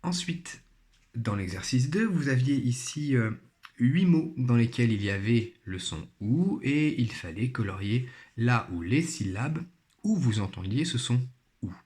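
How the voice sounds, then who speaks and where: A man's voice: medium pitch, animated, a little slow, darkish tone. A man teaching a primary phonics lesson, speaking patiently and spelling out each sound and syllable carefully. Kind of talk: recorded remote phonics lesson.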